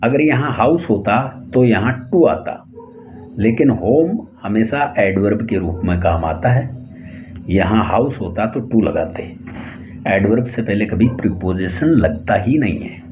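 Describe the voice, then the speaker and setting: A man with an Indian accent teaching English tenses in Hindi, slowly spelling out each example sentence word by word. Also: lowish voice, lively intonation. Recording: tinny phone-like lo-fi audio, faint hiss.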